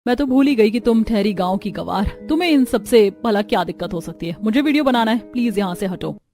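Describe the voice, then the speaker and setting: A woman's voice: medium pitch, animated, a little fast, warm tone, faint music behind, close to an everyday voice. A woman voicing a scornful city-girl influencer. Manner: scornful, showy. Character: vain city woman influencer, mocking sister-in-law. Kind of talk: storybook voice acting.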